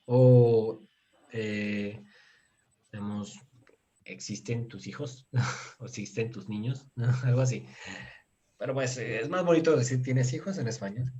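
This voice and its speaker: A man giving a relaxed, casual language lesson, explaining slowly and sounding out words bit by bit. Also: medium pitch, highs cut off. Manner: relaxed, chuckles now and then. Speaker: Turkish language teacher.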